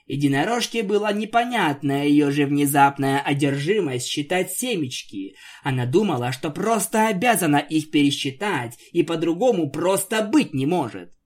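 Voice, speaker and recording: Fan-story narrator, expressive, animated pitch, mid-range voice. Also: normal speed, hardly any pauses. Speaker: story reader.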